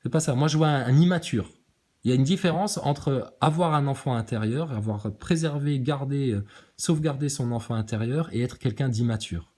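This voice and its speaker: A man mocks his viewers' comments during a live stream, cursing freely and laughing between jabs. His voice sits dark and mellow, with a husky edge to it. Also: medium pitch, normal speed. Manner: sarcastic, swears a lot, mocking. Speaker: livestreamer reading viewer comments. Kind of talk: casual ranting live commentary.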